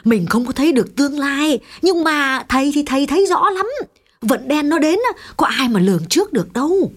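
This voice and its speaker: A woman's voice: high voice, lively intonation, fairly quick. A woman reading as a gushing devotee. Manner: eager, gushing. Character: gushing middle-aged woman believer. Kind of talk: audiobook reading.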